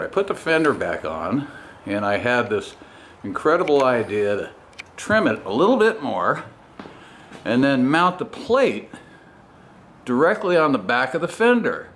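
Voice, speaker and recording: A man giving an informal walkaround commentary, unhurried, in broken phrases with pauses, like a hobby mechanic on a handheld camera in a garage. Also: mid-range voice, very animated, fairly bright tone. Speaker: motorcycle vlogger, home mechanic. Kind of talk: casual walkaround commentary on custom bike work. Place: home garage with open door. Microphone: handheld camera mic. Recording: noisy handheld recording in a garage.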